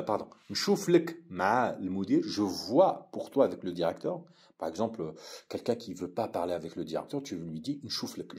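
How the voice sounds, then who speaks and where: A man with an Algerian accent and a fairly low voice runs a patient language lesson. He says each phrase, repeats it at a measured pace and explains it plainly. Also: a little mellow. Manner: repeats each phrase slowly, then translates. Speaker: language teacher.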